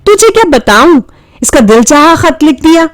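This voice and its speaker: A woman's voice: sits high, big pitch swings, dry recording, studio quality, voice pushed up. A woman reading a novel aloud, voicing a proud, affectionate middle-aged mother who scolds and insists firmly. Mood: brusque.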